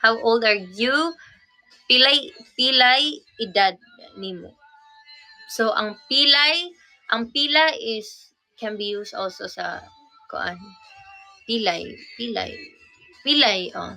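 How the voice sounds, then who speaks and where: A young woman with a Cebuano accent chats slowly on a livestream, her voice bright but with a gravelly fry at the edges. She patiently teaches Bisaya words and keeps repeating and correcting herself, with faint music playing behind her. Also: on the high side. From Cebu, Philippines. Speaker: livestream host. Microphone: phone or camera mic on a livestream.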